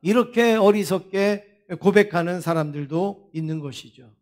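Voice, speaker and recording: A man's voice: high voice, normal speed, darkish tone. A man preaching a Sunday sermon as senior pastor. He asks the congregation questions and acts out the people's pleading and complaints. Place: church sanctuary.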